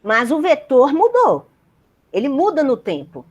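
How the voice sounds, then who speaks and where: Lively woman physics lecturer. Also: high voice, a little slow. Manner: keeps checking in with students, explanatory. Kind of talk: university lecture.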